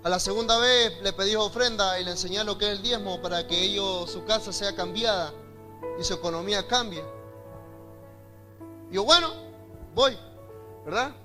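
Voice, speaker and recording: A young man with an Argentine accent, preaching a sermon and telling a personal testimony, often building to loud, emphatic delivery. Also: high voice, moderate pace, pauses often, music in the background. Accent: Argentine Spanish.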